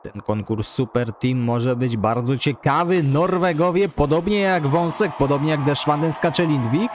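A man commentating a ski jumping game in the style of a live broadcast, calling distances and scores and getting loud and excited on good jumps. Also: fairly high pitch, moderate pace, slight background noise. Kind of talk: sports-style play-by-play commentary.

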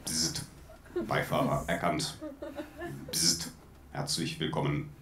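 A man in his thirties doing a clumsy mock robot, talking in a flat robotic monotone and buzzing between words. The voice sits very low and deep. It rings out in a roomy, echoey space. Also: takes it slowly, very noisy, full character voice. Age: 30s. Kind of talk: comic stage reading.

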